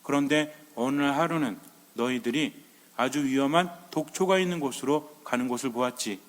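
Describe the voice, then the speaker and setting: A man voicing a gentle, protective uncle in a fairy tale, speaking softly and calmly. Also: mid-range voice, close to an everyday voice. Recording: long reverb.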